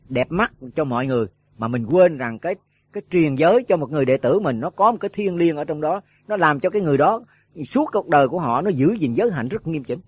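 A man's voice: a little high, husky, dry recording. A man giving a rambling dharma talk to monks, full of filler words and rhetorical questions. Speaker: Buddhist monk teacher. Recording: dull lo-fi dry recording.

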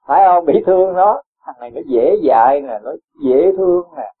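A man gives a dharma talk in a husky, somewhat high voice. He explains patiently with everyday examples and soft chuckles. The sound is thin and lo-fi, like a phone line. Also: expressive, normal speed. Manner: gentle, chuckling, homely examples. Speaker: Buddhist teacher. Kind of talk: dharma talk answering a follower.

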